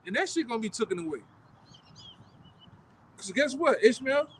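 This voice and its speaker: A man, street preaching outdoors in a forceful, repetitive, profane way that keeps ending phrases with "man". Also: very high-pitched, sing-song, moderate pace, slight background noise, rough recording. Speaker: street preacher leading the camp.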